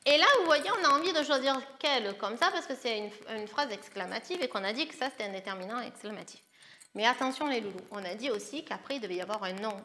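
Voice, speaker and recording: A woman teaching young children, patiently explaining each step of a grammar rule in an encouraging, bright tone. Her voice sits a little high, and there is a faint hiss behind it. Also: animated, fast talker. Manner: patient, explains step by step, calls pupils "les loulous". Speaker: primary school teacher.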